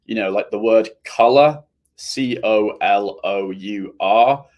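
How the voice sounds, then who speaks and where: A man's voice: fairly low pitch, slow, highs cut off. A young man from England, a university student, talking casually to viewers in a chatty, rambling way full of "I mean" and "you know" asides. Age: young adult.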